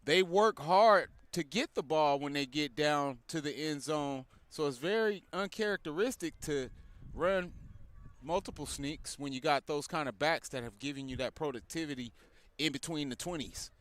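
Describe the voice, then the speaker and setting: A man's voice: a little high, normal speed, fairly bright tone. A man giving casual, laid-back color commentary on a football game, breaking down plays and laughing often. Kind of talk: casual sports analysis.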